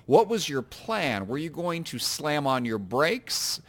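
A man's voice: fairly high pitch, very animated, slow pace. A man co-hosting a podcast, asking playful, curious follow-up questions in a casual chat. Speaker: podcast co-host.

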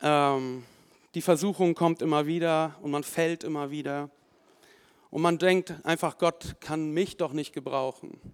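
A man preaching a sermon, telling the story lively and with emphasis and voicing the people in it. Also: on the high side, unhurried, smooth. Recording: long hall reverb.

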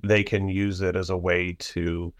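A man analysing foreign policy in a halting way, with many fillers and restarts. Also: sits low, level tone, no echo, studio quality. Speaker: panel guest analyst. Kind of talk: policy discussion.

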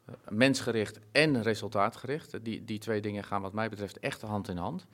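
Earnest, low-voiced Dutch-speaking man. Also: normal speed, fairly bright tone. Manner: earnest, reflective, many fillers and restarts. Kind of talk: conversational interview.

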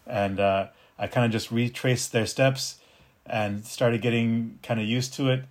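A middle-aged man, born in Detroit and raised partly in North Africa, speaking in a reflective, unhurried way as a martial arts teacher in a casual interview. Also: medium pitch, fairly even intonation. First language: Arabic. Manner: reflective, unhurried, with frequent restarts. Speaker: capoeira teacher and martial artist.

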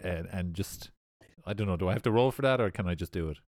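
A man's voice: sits low, fast, darkish tone, no room sound, clean studio sound. A man chatting casually and a little hesitantly as a player in a tabletop role-playing game. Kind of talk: casual role-play chat.

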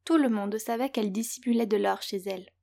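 A woman's voice: on the high side, a little fast, gravelly, warm tone. Playful woman telling kids a story. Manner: playful, speaks directly to the young listener. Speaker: storyteller and host of a children's audio story show. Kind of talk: scripted narration for children.

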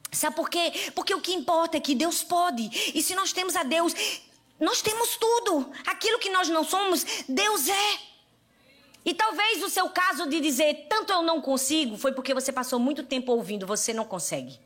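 A woman with a Northeastern Brazilian accent preaching a sermon to women, fervent and lively, calling out to her listeners and telling stories with laughter. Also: very high voice, normal speed. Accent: Northeastern Brazilian Portuguese. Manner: fervent, addresses the audience directly with repeated calls.

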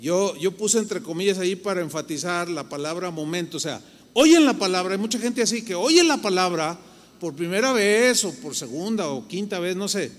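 Mexican pastor guy preaching casually, high voice, echoing hall. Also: expressive, normal speed. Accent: Mexican Spanish. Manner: conversational preaching, acts out listeners' voices. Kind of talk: sermon. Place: large church hall.

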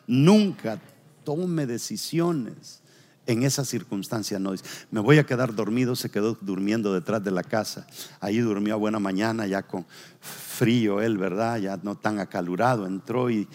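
A man's voice: fairly low pitch, darkish tone. A male pastor preaching a sermon, telling a story and acting out each character's lines. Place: church. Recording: long reverb of a church hall.

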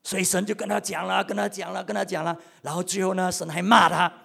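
Male pastor, high raspy voice, animated sermon with loud bursts and hushed asides. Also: fast talker. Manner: animated, swings between loud outbursts and quiet asides; repeats words for emphasis.

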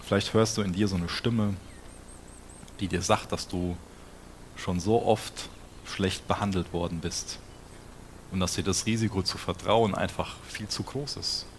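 A man's voice: low voice, steady tone, measured pace, long pauses, a little hiss or hum. A man preaching a sermon in an earnest tone, often putting direct questions to his listeners.

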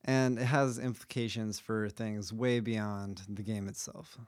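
A man's voice: fairly low pitch, fairly even intonation, a little mellow, clean tone, no room sound. Laid-back young man hosting a podcast. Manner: laid-back, joking, quick asides. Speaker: podcast host. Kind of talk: casual explainer chat.

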